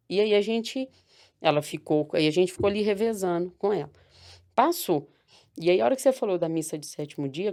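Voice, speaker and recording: A woman in her thirties from Brazil, talking through a personal story in a soft, reflective way with frequent restarts. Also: medium pitch. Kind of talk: casual chat.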